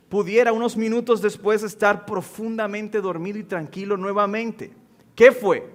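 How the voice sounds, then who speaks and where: A man in his thirties, a pastor preaching a sermon in earnest, slowing down to stress key lines. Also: sits high, a bit bright. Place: church sanctuary.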